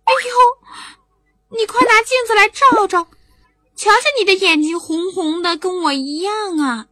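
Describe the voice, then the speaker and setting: Woman doing a squeaky little bunny. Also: a little slow, sharp tone, no room sound, clean studio sound, soft background music, full character voice. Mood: insistent.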